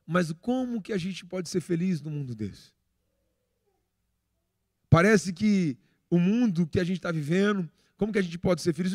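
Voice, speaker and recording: A man's voice: high-pitched, no room sound, studio quality. A middle-aged Brazilian man preaching a sermon, telling stories animatedly and acting out the dialogue. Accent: Brazilian Portuguese. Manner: animated storyteller, acts out dialogue, frequent restarts. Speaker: pastor. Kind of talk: sermon with personal storytelling.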